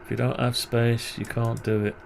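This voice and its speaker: A man with a gravelly, creaky voice talks himself through a programming task, half-muttering and tossing in wry grumbles. He speaks at an average pitch, and a steady hiss of background noise runs under the recording. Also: moderate pace. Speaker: programming tutorial presenter. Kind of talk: thinking aloud while working on screen.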